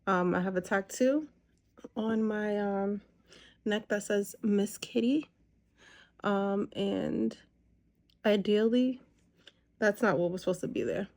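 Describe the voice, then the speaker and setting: Slow and a little mellow, a medium-pitched woman's voice drifts through casual makeup-chair chatter with frequent pauses and lots of ums. The speaker is a makeup vlogger in her thirties.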